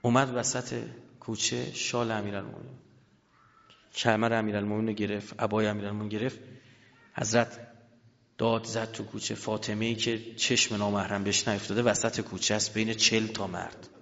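Impassioned preacher in a reverberant hall. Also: male voice, flat delivery, gravelly. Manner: swings between loud, high, emotional outbursts and low, hushed, slow lines. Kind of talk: impassioned religious sermon, storytelling. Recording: reverberant hall, dull lo-fi sound.

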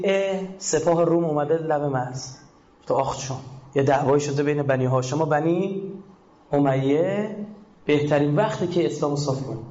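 A man from Iran preaching a religious sermon, swinging between shouted peaks and hushed lows. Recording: echoey, slightly dull recording.

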